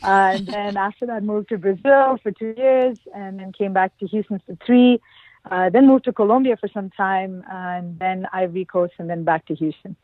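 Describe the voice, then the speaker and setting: A production engineer from Oman and India appears as a podcast guest, sharing personal stories in a conversational interview style. Her medium-pitched voice is steady in tone and normal in speed, with no room sound. The audio is lo-fi, band-limited call quality.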